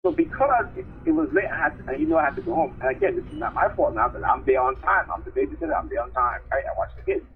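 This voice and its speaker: A man's voice: on the high side, sing-song, quick pace, hardly any pauses. Aggrieved man venting over a phone line. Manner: aggrieved, repeats himself, leans on "right?" and "okay?". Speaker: caller on a support live stream. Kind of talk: rambling phone storytelling. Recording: narrow phone line with faint hiss.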